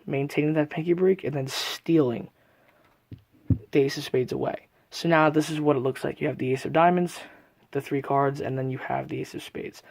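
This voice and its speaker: A man's voice: mid-range voice, gravelly, a little mellow, no room sound. A man giving a casual, methodical step-by-step card trick tutorial, often recapping as he goes. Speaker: magic tutorial presenter.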